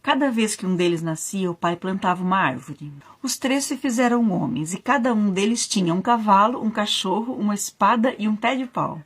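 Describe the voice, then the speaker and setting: A woman storyteller telling a folk tale in a lively, animated way. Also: mid-range voice, moderate pace, husky.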